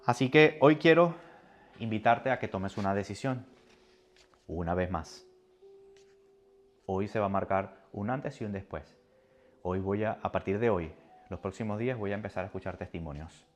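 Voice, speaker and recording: A man preaching a sermon with a personal testimony, animated and moving between soft and loud. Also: lowish voice, moderate pace, long pauses.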